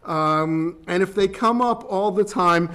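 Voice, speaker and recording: A man giving an academic law lecture in a measured, deliberate way, with frequent ums and uhs. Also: high voice, fairly bright tone, smooth. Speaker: law professor. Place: lecture hall.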